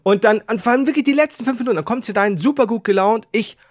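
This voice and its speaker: A man co-hosting a podcast, telling a story in casual chat, animated and laughing, acting out his own panic and dropping to a hushed mutter for quoted thoughts. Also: extremely high pitch, fast, no echo, clean studio sound. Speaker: podcast co-host.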